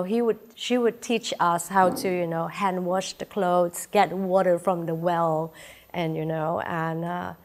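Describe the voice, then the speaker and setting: This keynote speaker's voice sits on the low side with a darkish tone. A woman in her thirties from Malaysia, Chinese-speaking first and carrying a Malaysian accent, she gives a chatty, personal inspirational talk to a lecture-room audience despite a fever, laughing often and filling pauses with "uh".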